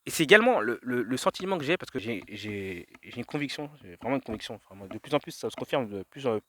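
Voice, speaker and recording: A man's voice: mid-range voice, animated, quick pace, fairly bright tone, slight background noise. A man vlogging outdoors, talking his thoughts through in a drifting monologue, full of fillers, restarts and detours. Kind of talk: rambling reflective monologue. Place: outdoors in nature.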